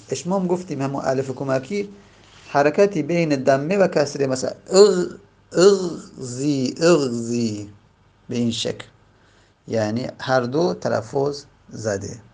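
A man teaching a grammar lesson, explaining step by step and drawing out example words slowly. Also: medium pitch, gravelly, a little mellow. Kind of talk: classroom lesson.

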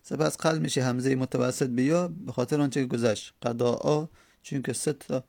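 Brief: male grammar teacher, gravelly, dry close sound, methodical drilling. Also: medium pitch, fairly even intonation, darkish tone, no echo. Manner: explains step by step, repeats words slowly to drill them. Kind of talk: classroom lecture on Arabic morphology.

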